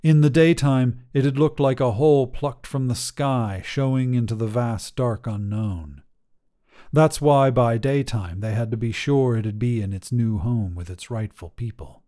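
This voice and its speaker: A man hosting a story podcast, reading a short story in a calm, measured voice. His tone is dark and mellow, at a middling pitch for a man. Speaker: story podcast host and narrator. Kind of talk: scripted narration.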